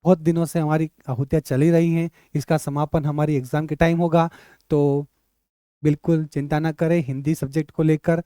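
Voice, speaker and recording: A male teacher leading an online exam-prep class, drilling letters aloud and repeating questions to his students with lively energy. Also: a little high, normal speed, smooth, dry recording, studio quality.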